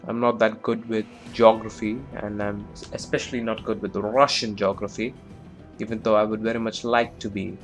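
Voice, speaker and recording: A man's voice: on the low side, flat delivery, normal speed, soft background music. A man giving casual, rambling let's-play commentary on a strategy game, with lots of fillers and self-deprecating asides. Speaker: gameplay commentator.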